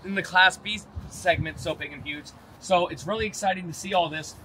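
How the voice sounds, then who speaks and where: A man's voice: high-pitched, brisk, bright, forceful tone, a little hiss or hum, low-quality recording. A middle-aged man hosting a casual outdoor walkthrough of a van, asking questions with upbeat enthusiasm. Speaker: host. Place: outdoors at a vehicle lot.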